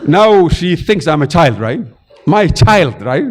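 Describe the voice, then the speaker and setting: A man's voice: a little high, sing-song, takes it slowly. A man in his fifties with a Somali accent tells a folk tale to children and draws lessons from it. He keeps checking in with "right?" as he goes. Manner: warm teaching tone, many "right?" checks. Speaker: storyteller speaking to children. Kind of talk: folk tale and talk to kids. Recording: roomy hall with faint noise.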